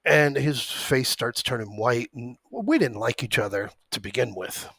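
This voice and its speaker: A man's voice: mid-range voice, lively intonation, measured pace, gravelly, a bit bright, slightly rough, dry recording, studio quality. A man in his forties hosting an options trading stream from his home computer, swearing often and breaking off his story to call out stock prices. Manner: profane, rambling, jumps between anecdote and stock prices. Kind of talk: livestream storytelling mixed with market commentary.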